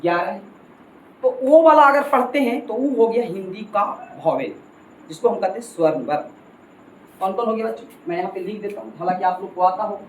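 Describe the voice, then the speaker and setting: A man's voice: sits high, animated, brisk. Guy teaching grammar, keeps saying kids, echoey room, bit of hum. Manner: emphatic, repeats points, keeps addressing the students as kids. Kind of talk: classroom grammar lesson. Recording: echoey room with faint ambient noise.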